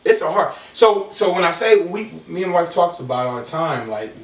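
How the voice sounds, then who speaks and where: A man's voice: a little high, animated, a little fast. A man in his thirties, a podcast guest in casual chat, earnest and repeating himself as he talks. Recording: echoey room, mic at a distance.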